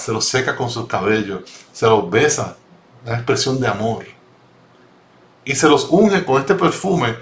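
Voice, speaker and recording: A man's voice: medium pitch, fairly bright tone. A man teaching a Bible study, reading scripture and explaining it earnestly, often repeating and rephrasing his words. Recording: roomy echo.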